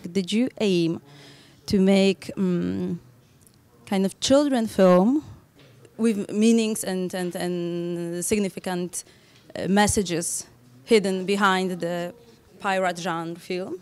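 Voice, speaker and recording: Very slow, hesitant woman. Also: on the low side, fairly even intonation, a little mellow. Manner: hesitant, searching for words. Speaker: interviewer. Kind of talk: interview questioning.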